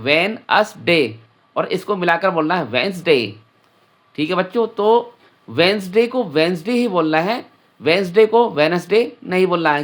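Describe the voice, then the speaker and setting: A man's voice: sits high, a bit bright. A male teacher giving a children's English lesson, addressing the children directly and spelling each word out letter by letter before repeating it.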